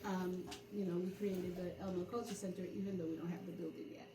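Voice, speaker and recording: A middle-aged woman from Haiti, a community organizer, talks fast in a lowish voice as she narrates her life in an interview, getting animated when she quotes herself. A crowd can be heard behind her, and the distant mic gives a roomy sound with background noise.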